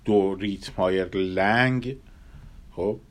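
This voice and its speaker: A man giving a measured lecture on Persian classical music, pausing often and sometimes humming melodies to illustrate. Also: low voice. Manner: hums and scats melodies to illustrate; measured, thoughtful delivery with pauses.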